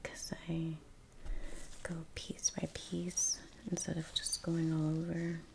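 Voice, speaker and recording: An artist who makes ASMR videos talks softly about painting in a slow, low, breathy whisper. Her delivery is monotone and unhurried, murmuring musings that trail off. Gentle brush and paint sounds fill the background.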